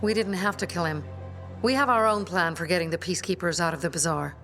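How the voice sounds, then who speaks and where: An actress voices a stern, embittered young rebel leader in a video game, speaking firmly, earnestly, and persuasively. Her lowish voice is fast and fairly bright, with soft background music behind the dialogue.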